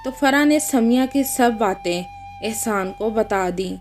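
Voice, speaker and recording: A woman narrating a scripted family story in a measured, storybook manner. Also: on the high side, a little mellow, faint music behind. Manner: slow, measured storybook reading.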